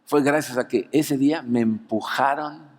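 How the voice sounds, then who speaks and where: A male pastor with a Mexican Spanish accent, preaching an anniversary sermon as an animated storyteller who keeps adding "¿no?" to his lines. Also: mid-range voice, normal speed. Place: church auditorium. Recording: long reverb of a church hall.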